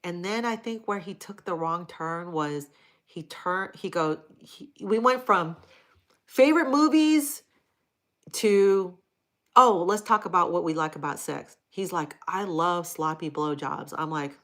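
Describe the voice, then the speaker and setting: A woman's voice: on the low side, a little slow, fairly bright tone. A woman from Hawaii hosting a live stream, reading viewer comments aloud and answering them in a blunt, crude, casual way. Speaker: livestream host answering chat.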